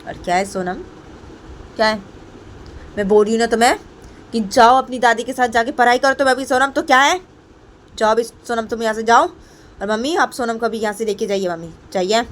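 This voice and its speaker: A woman voicing a furious young mother in a storybook tale, shouting and repeating angry questions. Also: medium pitch, fast, a little hiss or hum, natural voice. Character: furious young mother scolding her partner.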